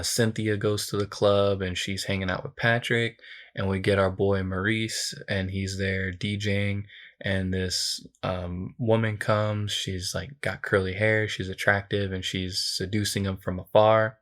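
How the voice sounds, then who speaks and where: A man co-hosting a podcast, casually retelling a film's plot with lots of fillers. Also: sits low. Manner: relaxed storytelling with many fillers. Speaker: podcast co-host. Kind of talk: casual movie recap chat.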